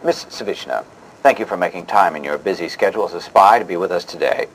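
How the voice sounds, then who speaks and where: In poor audio, a man with a deep, husky voice parodies a vintage TV interview show as its self-important, easily flustered host. He announces grandly with mock-drama but falters hesitantly whenever he poses questions.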